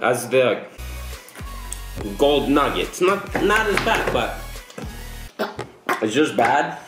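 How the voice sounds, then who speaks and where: A teenage guy hosts a casual candy challenge, talking while he eats sour candy and groans in reaction. His delivery is slow and his pitch mid-range. He is recorded in an echoey room on a camera mic, with faint music behind. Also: sing-song. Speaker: vlog host. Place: small indoor room at home, seated at a table. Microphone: camera a short distance away.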